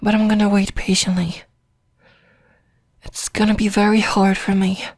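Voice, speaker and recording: Woman for ASMR role-play, sleepy long-distance girlfriend: tender, drowsy, rambling, flat gentle intonation, very dry close sound. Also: medium pitch, dry recording. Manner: soft, drowsy, intimate, rambling with pauses.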